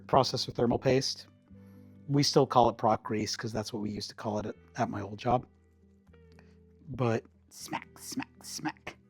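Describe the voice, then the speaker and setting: A streamer with a medium-pitched, slightly hoarse voice cooks in his home kitchen while chatting casually with viewers. He rambles in an easygoing way and chuckles often.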